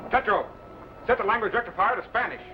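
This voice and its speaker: A man playing a decisive time-travelling captain, high-pitched and brisk, giving clipped technical orders. It is old science fiction serial acting on a noisy, muffled recording. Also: lightly acted. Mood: decisive, urgent. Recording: noisy, dull vintage broadcast recording.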